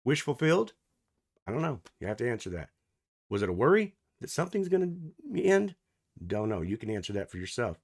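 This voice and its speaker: A man giving a casual, playful tarot reading to camera, chatty and rambling, swinging between loud and soft. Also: medium pitch. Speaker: tarot reader.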